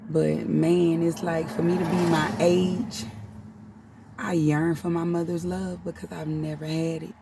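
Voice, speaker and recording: Speaking unhurriedly in a low, gravelly, level voice, a thirtysomething spiritual channel host tells her life story on camera, close to tears and frequently saying "y'all." It's a casual confessional vlog recorded on a distant mic with background noise.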